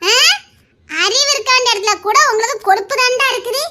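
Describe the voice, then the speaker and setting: High-voiced performer doing a fierce young guy threatening an intruder, tirunelveli tamil, very high shrill voice. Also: fairly quick, bright, forceful tone, full character voice. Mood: mocking. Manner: taunting, menacing, mocking laughs. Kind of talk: family skit acting.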